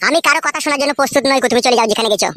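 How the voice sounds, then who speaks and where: A woman voicing a crude, sulky young husband in an adult comedy cartoon, talking back rapidly. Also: high-pitched, a bit bright, no room sound, clean studio sound, faint music behind. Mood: irritated. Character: foul-mouthed lazy young husband, sulky, defiant.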